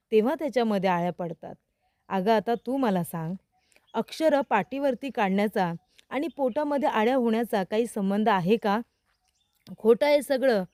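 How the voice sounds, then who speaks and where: A woman's voice: fairly high pitch, dark tone, dry recording, studio quality, lightly acted. A woman voicing a young husband who teases his wife and then patiently explains, asking rhetorical questions. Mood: earnest. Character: young man, teacher, teasing then earnest.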